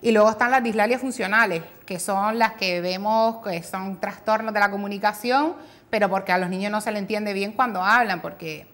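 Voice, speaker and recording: A woman with a Canary Islands Spanish accent, a speech therapist explaining disorders in a patient, clear way on a talk show, sometimes imitating children's mispronunciations. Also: mid-range voice, a little fast, fairly bright tone.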